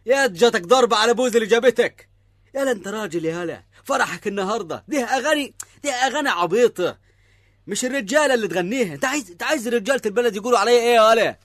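A blustering middle-aged Egyptian village mayor, gruff and bossy, scolding fast. His voice sits high for a man, and the sound is dry and close. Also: lively intonation, a bit bright, no echo, exaggerated voice.

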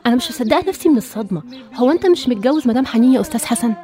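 A woman's voice: fairly high pitch, expressive, racing, warm tone, faint music behind, close to an everyday voice. A woman playing an indignant Egyptian painter. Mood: guarded. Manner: indignant, firm. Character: proud young woman painter, firm and indignant. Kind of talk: radio drama acting.

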